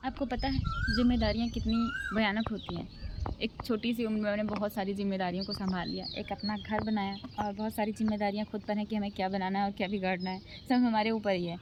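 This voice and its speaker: A young woman vlogging casually at home, soft and emotional as she reflects, still recovering from being unwell. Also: medium pitch, little pitch movement, fast, muffled recording, background noise. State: recovering from illness. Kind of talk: casual vlog talk to camera. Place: at home, near singing birds. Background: birds chirping.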